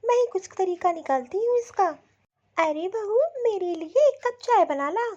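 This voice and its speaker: Cartoon mother, voiced by a woman: sarcastic, very high-pitched, dull recording. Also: animated, normal speed, a little mellow. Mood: grumbling. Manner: sarcastic, nagging. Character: scheming middle-aged mother-in-law, sly and motherly. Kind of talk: cartoon voice acting.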